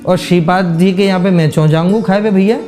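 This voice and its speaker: A man's voice: high-pitched, fairly even intonation, brisk, darkish tone, faint music behind, natural voice. A man voicing coaxing cowherd Krishna in Braj. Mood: affectionate. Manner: coaxing, pleading, folksy. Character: young boy god Krishna, playful cowherd friend.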